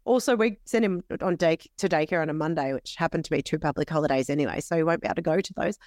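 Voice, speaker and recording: A pregnant woman, co-hosting a podcast in casual chat, laughing often and agreeing warmly. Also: low voice, very fast, no room sound, clean studio sound. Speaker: podcast co-host.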